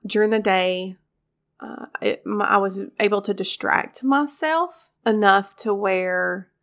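A woman hosts a faith-based podcast in an earnest, encouraging tone. Her voice is scratchy and congested as she gets over a cold, with a gravelly fry running through it. Her pitch sits in an ordinary middle range. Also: slow pace, a bit bright. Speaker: podcast host.

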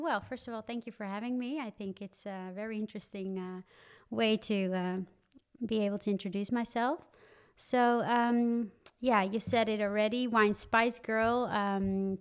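Young woman podcast guest, smooth clear tone, bubbly and chatty. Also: fairly high pitch, normal speed. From Netherlands. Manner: animated, laughing, many fillers. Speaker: guest, wine content creator. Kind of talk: casual interview chat.

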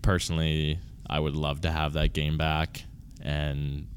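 A young man around twenty with a very low voice answers interview questions in a relaxed, halting way. He restarts his sentences and lets them trail off. Faint background noise sits under the recording. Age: 20s. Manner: halting, restarts often, soft-spoken trailing off. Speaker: university volleyball player, guest.

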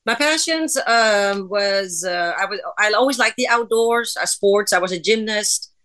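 Female interview guest from the Netherlands, mid-pitched, chatty storyteller. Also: a little slow, a bit bright. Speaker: podcast guest. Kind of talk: casual interview.

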